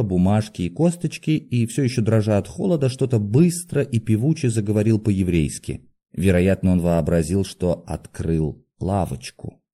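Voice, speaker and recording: A man reading a classic novel aloud in slow, measured audiobook narration. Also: on the low side, warm tone. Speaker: audiobook reader.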